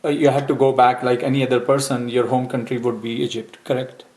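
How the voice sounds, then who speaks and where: Male host, brisk interviewer, checks facts as he goes. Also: mid-range voice, flat delivery, darkish tone, slight background noise, poor audio. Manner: brisk questioning with quick acknowledgments. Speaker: career advice host. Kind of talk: interview over a call.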